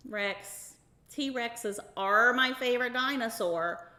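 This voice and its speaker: A woman's voice: fairly high pitch, slow pace, a crowd in the background. A woman hosting a children's show, teaching in a sing-song, encouraging way as she talks to kids and a puppet. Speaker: kids' show host.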